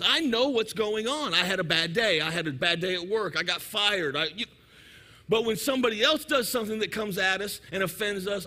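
A male pastor preaching a sermon, animated and playful, acting out little everyday scenes. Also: high voice.

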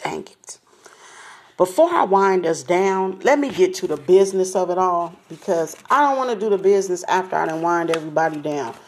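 A woman's voice: on the low side, animated, brisk, hardly any pauses. Upbeat slangy woman podcast host. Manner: upbeat, slangy and chatty, addresses listeners directly; smiling and laughing as she talks. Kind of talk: casual podcast chat.

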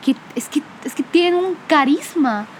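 A woman's voice: high voice, animated, a little hiss or hum. A Guatemalan woman co-hosting a podcast, chatting casually and using vos forms. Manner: chatty, quick to laugh, uses vos forms. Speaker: podcast co-host.

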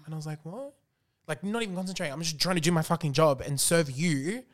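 A man's voice: fairly high pitch, fast. A man hosting a podcast, chatting emphatically and swearing often. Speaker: podcast host. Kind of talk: casual chat.

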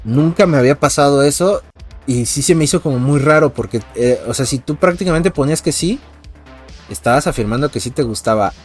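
A man's voice: a little high, a little fast, faint music behind. A man hosting a casual podcast discussion, talking hesitantly and hedging with fillers.

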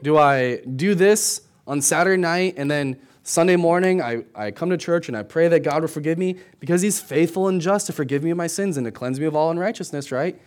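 A man's voice: fairly high pitch, fairly quick, few pauses. Middle-aged man preaching in a chatty way. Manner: conversational preaching with frequent tag questions; repeats and restarts words. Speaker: pastor. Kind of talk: sermon.

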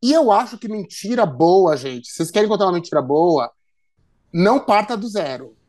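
A man's voice: high voice, sing-song, moderate pace, darkish tone. A man with a Brazilian Portuguese accent, hosting a podcast in casual chat, addressing listeners and often stumbling over repeated words. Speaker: podcast host.

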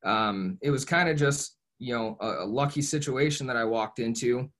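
A man's voice: mid-range voice, moderate pace, fairly bright tone. A young man from Ohio, a podcast guest telling his story in an earnest, reflective way, often restarting and saying "you know". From Ohio, USA. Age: young adult. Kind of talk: casual podcast interview.

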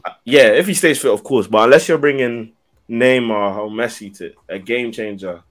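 A man's voice: medium pitch, normal speed. A man with a London urban roadman accent chatting casually about football, in a slangy, vivid, conversational way. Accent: London, urban roadman slang style.

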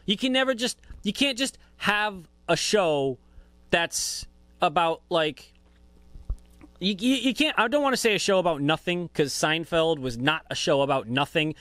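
A man's voice: sits high, animated, measured pace, fairly bright tone, no echo. A man in his twenties hosting a podcast, talking in a rambling, profane, laid-back way as a casual monologue. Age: 20s. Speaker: podcast host.

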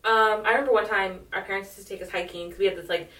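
A woman's voice: medium pitch, fairly even intonation, rapid-fire, fairly bright tone. A woman with a Californian accent telling stories in casual, slangy chat, often saying "like". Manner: informal, slangy, says "like" often. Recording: roomy echo, distant mic.

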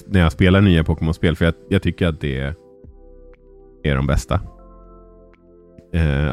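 Low-voiced man rambling casually. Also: darkish tone. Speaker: podcast co-host. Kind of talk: casual gaming chat.

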